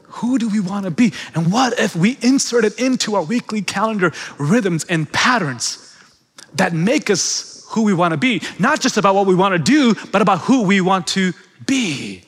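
High-voiced pastor preaching in a reverberant hall. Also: male voice, lively intonation, normal speed, husky. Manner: dynamic, swings between loud emphatic peaks and hushed low passages. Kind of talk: sermon. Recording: long reverb of a large hall.

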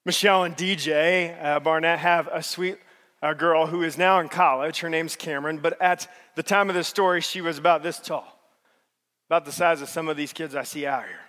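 Male pastor, high voice, sermon delivery with big dynamic swings, long reverb of a large church hall. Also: steady tone, normal speed. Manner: swings between loud emphatic peaks and soft low passages.

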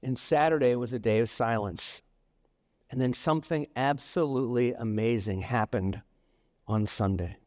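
A man's voice: medium pitch, normal speed, darkish tone, long reverb tail. A man preaching a sermon in a storytelling manner, acting out the voices of the people in his story. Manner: storytelling, acts out quoted voices. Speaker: pastor.

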